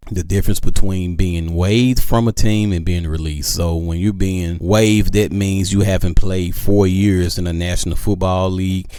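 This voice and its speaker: Guy hosting a sports podcast, kinda low voice, hypes up the fans then breaks stuff down step by step, dry sound. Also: a little mellow, no echo. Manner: playful hype talk addressing fans directly; explains rules plainly and step by step. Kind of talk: casual sports podcast commentary.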